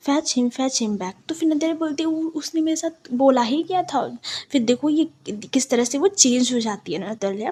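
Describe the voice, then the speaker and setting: A woman teacher explaining a play to students. She reads lines aloud slowly, then retells them in a conversational way with frequent check-ins. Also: high voice, dark tone, breathy edge.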